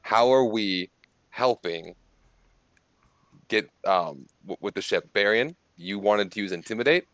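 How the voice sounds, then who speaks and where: A man narrating as game master of a tabletop game, casual and halting, with many fillers. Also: lowish voice, animated, fairly bright tone, dry recording.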